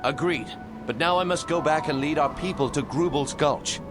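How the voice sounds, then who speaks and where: A man's voice: on the high side, normal speed, natural voice. A man playing a proud, defiant human prince, speaking in an earnest, noble, declamatory way in a video game cutscene. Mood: friendly, resolute. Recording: loud music behind. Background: loud music.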